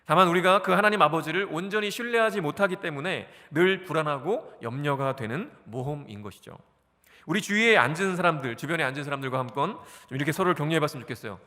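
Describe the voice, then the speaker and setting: Lively bright-voiced male pastor preaching. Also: fairly high pitch, fast talker, long reverb tail. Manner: animated, asks the congregation questions and answers them. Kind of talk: sermon. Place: church sanctuary.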